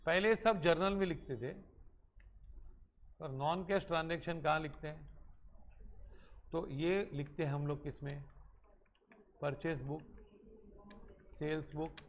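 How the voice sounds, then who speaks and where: A man's voice: fairly high pitch, fairly even intonation, measured pace, long pauses, muffled recording, slight background noise. A man teaching a commerce class. He asks questions and answers them himself, and he mixes English terms into his Hindi. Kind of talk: classroom lecture.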